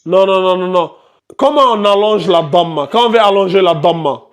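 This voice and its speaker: Brief: high-pitched male teacher in a classroom, quizzes students, repeats terms. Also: expressive, normal speed, faint music behind. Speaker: Quran recitation teacher. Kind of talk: live classroom tajwid lesson.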